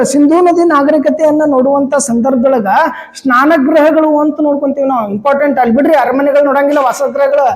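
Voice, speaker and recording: A man's voice: very high-pitched, a little mellow, long reverb tail, poor audio. A man teaching a history class in a North Karnataka Kannada accent, chatty and full of rhetorical questions and anecdotes.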